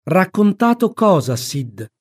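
A man's voice: high voice, sing-song, slow pace, pitched above the performer's own voice, heavily acted. A man voicing an exasperated, flustered storybook aunt who sputters and scolds. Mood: exasperated, scolding.

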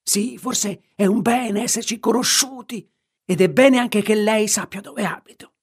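Man doing a hoarse sneering villain. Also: sits high, moderate pace, pitched above the performer's own voice. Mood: defiant. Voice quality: hoarse, husky put-on voice. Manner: defiant, suspicious, bursts into anger. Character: sneering hostile small man, menacing.

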